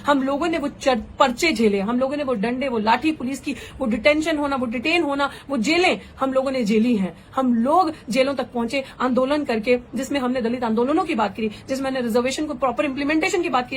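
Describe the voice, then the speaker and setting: A young woman activist speaks in an impassioned, fervent way, driving her points home with rhetorical questions. Her voice sits on the high side. A faint hiss runs under the recording. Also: quick pace, few pauses, poor audio. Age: young adult. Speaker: political activist. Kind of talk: impassioned political address.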